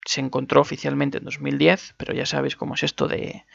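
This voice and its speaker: A man's voice: mid-range voice, monotone, fast, creaky, a bit bright, dry recording. A man from Spain giving casual, digressive commentary on energy for a podcast, full of fillers and self-corrections. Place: on the move, away from his usual setup. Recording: dull, lo-fi, dry sound.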